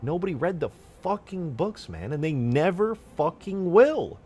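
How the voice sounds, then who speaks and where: A young man streaming from home, ranting in casual chat, swinging from mutters to loud outbursts and cursing a lot. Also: a little high, sing-song, measured pace, slight background noise.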